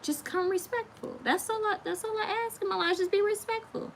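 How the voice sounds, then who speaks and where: A woman's voice: very high-pitched, fairly even intonation, brisk, slight background noise. A woman in her thirties chatting casually on a livestream, reading viewer comments aloud and drawing oracle card messages, often restarting her sentences. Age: 30s.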